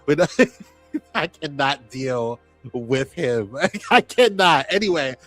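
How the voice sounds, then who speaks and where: A man with a high, ringing voice hosts a live-stream show. He greets his viewers by name and banters playfully, and faint music plays behind him. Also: animated, slow pace, a bit bright. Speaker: host.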